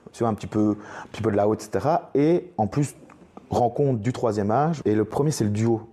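A man's voice: on the low side, fairly quick, mellow. A young man, a stand-up comedian, telling a story in a casual podcast chat and acting out other people's lines as he goes.

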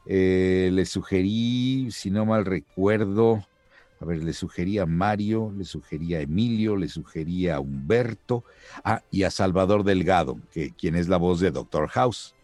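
A middle-aged man recounts a story from his career in dubbing, slipping into the voices of the people he quotes. His voice sits low, and it is recorded dry and close, with faint music underneath. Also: a little slow, dry recording. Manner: lively storyteller who acts out quoted voices. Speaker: voice actor. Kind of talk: anecdotal storytelling in an interview.

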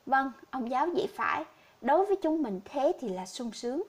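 Woman reading as a sorrowful old villager, pleading, high-voiced. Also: very animated, fairly quick, breathy edge, exaggerated voice. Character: poor grieving old man villager.

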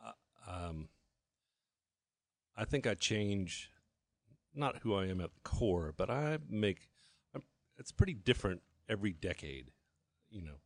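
A man in his fifties, a guest telling his story candidly in a halting way that often restarts with repeated words. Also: sits low, very animated, dry recording, studio quality. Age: 50s.

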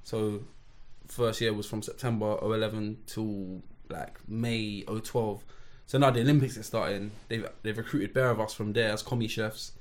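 A young man with a London roadman accent telling stories in casual chat, animated and full of street slang. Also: lowish voice, normal speed. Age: young adult. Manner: animated storytelling, peppered with slang and "bro". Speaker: chef, guest telling life story.

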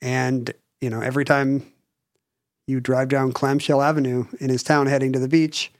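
An American man co-hosting a podcast, rambling and halting, with dry humor. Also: mid-range voice, flat delivery. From United States. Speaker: podcast co-host. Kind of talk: casual chat. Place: Pacific Northwest.

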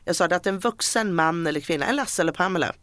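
A woman's voice: lowish voice, animated, a bit bright, dry recording. Woman, co-host, chatty, reflective, long run-on thoughts, dry close sound. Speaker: podcast co-host. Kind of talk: casual podcast chat.

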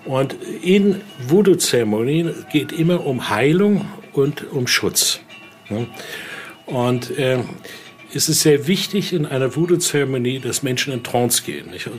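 With faint music behind him, a man speaks in an expressive mid-range voice at a measured pace. He's guiding an informal tour through an indoor exhibition room as a museum guide and voodoo expert, explaining things and often ending with small tag questions, and the recording carries faint on-location noise.

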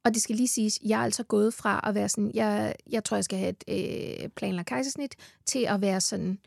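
A woman's voice: mid-range voice, steady tone, gravelly, a little mellow, dry recording, clean studio sound. A heavily pregnant Danish woman chatting as a podcast guest, enthusiastic, swearing freely and laughing often. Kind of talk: casual chat. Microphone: studio mic.

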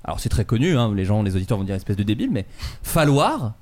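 A man's voice: on the low side, big pitch swings, quick pace, darkish tone. A man from France hosting a podcast, chatting casually and joking with friends, laughing often. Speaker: podcast host. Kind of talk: casual chat.

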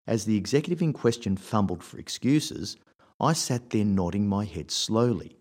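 Man, fifties, somewhat low voice, wry conversational storyteller, scripted advice talk. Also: lively intonation, moderate pace, a little mellow.

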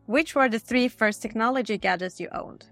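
A woman's voice: on the high side, normal speed, a bit bright, no room sound, soft background music. A woman hosting a podcast, formally reading out prepared questions. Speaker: podcast host.

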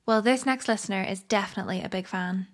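Woman producer from northern ireland, brisk matter-of-fact, mid voice. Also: mid-range voice. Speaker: podcast producer. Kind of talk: comedy podcast banter.

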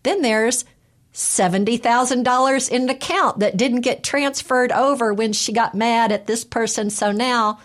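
A woman's voice: a little high, unhurried. Woman call-in radio host, conversational. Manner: conversational, introduces callers.

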